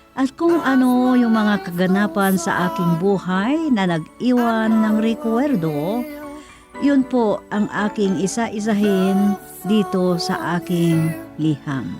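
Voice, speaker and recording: Lady radio host reading a letter dramatically, mid voice, real slow, music underneath. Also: mid-range voice, lively intonation. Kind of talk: slow dramatic scripted narration.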